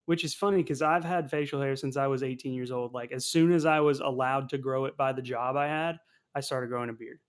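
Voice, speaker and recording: A man's voice: medium pitch, fairly even intonation, fairly quick, clear, resonant tone. A man in his twenties, a podcast co-host, telling stories animatedly and laughing often in casual chat.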